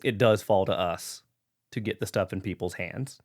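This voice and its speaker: Low-voiced man, relaxed host chat. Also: normal speed. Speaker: podcast host and comic shop retailer. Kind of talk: casual chat.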